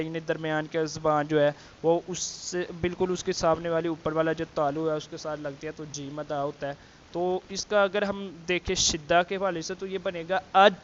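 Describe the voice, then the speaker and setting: A man teaching Quran letter pronunciation, explaining slowly with many fillers and repeating the letter sounds to demonstrate. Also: high-pitched, lo-fi sound, a little hiss or hum. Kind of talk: tajweed lesson with demonstrations.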